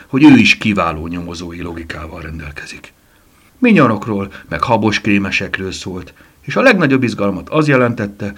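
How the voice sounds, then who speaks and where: A man reading a children's detective story aloud, expressive and giving each character a voice. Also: fairly low pitch, husky. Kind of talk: audiobook narration for children.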